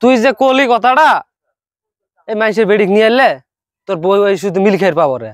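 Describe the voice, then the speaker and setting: Whiny complaining man, high voice. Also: expressive, brisk, no echo, studio quality. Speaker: comedy skit actor. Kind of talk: comedy skit acting.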